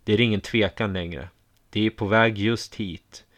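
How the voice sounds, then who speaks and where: A man narrating a first-person audiobook story in a calm, measured way. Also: lowish voice.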